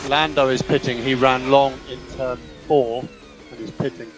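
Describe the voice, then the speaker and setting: A race engineer with a medium-pitched voice speaks at normal speed with fairly even intonation, giving a driver clipped instructions over team radio and repeating the key calls. Music can be heard behind the radio audio.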